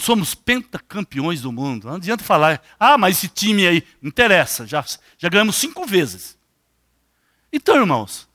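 Animated older Brazilian preacher, high voice. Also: male voice, dry recording, clean studio sound. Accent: Brazilian Portuguese. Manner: animated, questions the congregation directly. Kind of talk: sermon.

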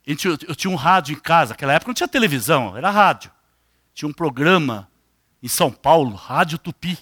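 An older Brazilian preacher delivers a sermon with a lively, swooping pitch and a bright, forceful tone. He fires questions straight at his listeners. The sound is dry and close. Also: dry recording. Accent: Brazilian Portuguese. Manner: animated, questions the congregation directly.

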